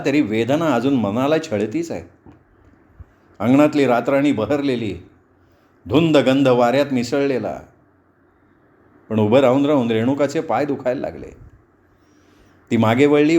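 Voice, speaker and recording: Guy reading a novel out loud, steady and expressive, normal pitch. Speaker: audiobook storyteller. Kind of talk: novel narration.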